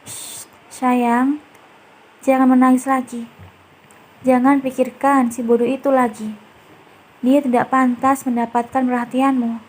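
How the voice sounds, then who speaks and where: A woman voicing a middle-aged mother-in-law who soothes her tearful daughter-in-law while gently probing her. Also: sits high, little pitch movement, unhurried, long pauses. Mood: soothing, probing.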